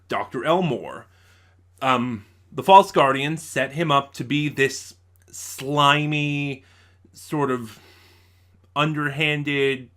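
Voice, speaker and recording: A slightly high, fairly bright-toned man hosts a casual online review of an audio drama, spoilers included. He thinks aloud and frequently corrects himself.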